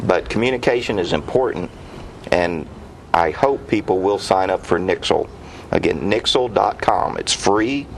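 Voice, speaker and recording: A man's voice: low-pitched, lively intonation, a little slow, creaky, poor audio. A man speaking as an interviewed police official, earnest and urging in a conversational way. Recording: faint background noise.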